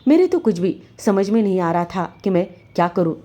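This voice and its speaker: A woman's voice: mid-range voice, very animated, moderate pace, warm tone. A woman narrating a story in the first person, with earnest, emotional storytelling.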